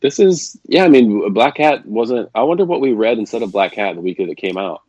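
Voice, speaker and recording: A man's voice: on the low side, expressive, brisk, a little mellow, no echo. A male podcast host chatting casually from a makeshift travel setup, his voice slightly robotic and metallic. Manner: easygoing, chatty, many fillers and restarts. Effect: slightly robotic, metallic-sounding voice. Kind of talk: casual chat. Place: away from home at a conference. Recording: dull, dry lo-fi sound.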